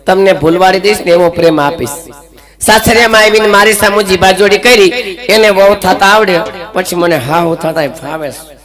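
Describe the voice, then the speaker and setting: A man's voice: sits high, normal speed. Man doing a bragging mother-in-law. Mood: scolding. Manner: teasing, scolding, bragging. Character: boastful sharp-tongued older mother-in-law. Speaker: folk stage comedian. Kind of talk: live folk stage comedy. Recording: live stage show with loud crowd.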